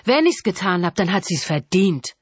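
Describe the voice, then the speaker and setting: A woman's voice: fairly low pitch, sing-song, moderate pace, slightly rough, no room sound. A woman reading an audiobook, voicing a callous male killer who taunts casually and cruelly. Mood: sneering.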